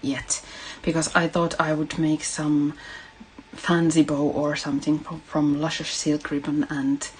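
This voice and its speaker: Slow, low-voiced Finnish woman, hesitant. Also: little pitch movement, a little hiss or hum, poor audio. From Finland. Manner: gentle, hesitant, halting delivery with affectionate address to viewers. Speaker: craft livestream host. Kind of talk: casual live craft tutorial.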